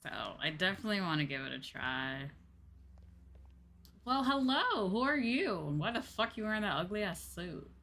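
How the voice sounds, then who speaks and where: Over game music, this woman streams as a VTuber, swearing playfully, commentating casually, and frequently reading out item names into a close mic. Her mid-range voice is a bit bright, with big pitch swings at normal speed.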